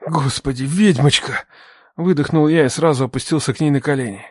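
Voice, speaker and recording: A man's voice: on the high side, fast, no echo, clean studio sound. Tense male audiobook narrator. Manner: tense first-person narration, shouting dialogue lines.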